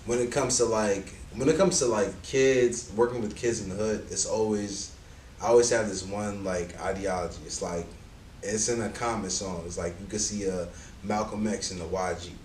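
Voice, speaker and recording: A man's voice: fairly low pitch, fairly even intonation, moderate pace, darkish tone. A man who teaches middle school, talking casually on a podcast in a laid-back, rambling way and swearing freely. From New York. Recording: roomy, distant mic with faint noise.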